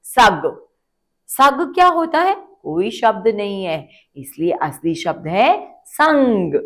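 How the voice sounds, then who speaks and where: A woman's voice: mid-range voice, big pitch swings, slow. A woman teaching a phonics lesson to young children, stretching out words, repeating them and asking the children questions. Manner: asks the children questions, then answers. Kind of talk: slow, drawn-out phonics lesson for kids.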